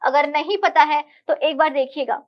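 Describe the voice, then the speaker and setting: A woman's voice: high voice, normal speed, dull audio. A woman teaching an online exam-prep English lesson, explaining each question patiently and repeating key words.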